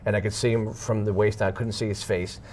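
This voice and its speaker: A man sharing a personal testimony as an interview guest, speaking dramatically and swinging between hushed and loud passages while acting out the dialogue he recalls. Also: fairly low pitch, little pitch movement, quick pace. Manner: acts out dialogue in his retelling. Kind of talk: emotional storytelling.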